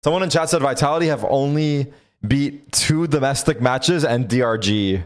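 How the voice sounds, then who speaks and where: A man's voice: medium pitch, moderate pace. A man giving casual, slangy, sweary reactions as a co-streamer watching an esports match. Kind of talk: casual chat commentary.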